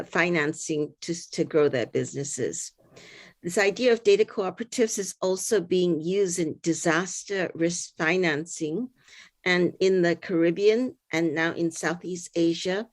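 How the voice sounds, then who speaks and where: Middle-aged woman from Singapore, low voice. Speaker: panelist. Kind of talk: online panel talk.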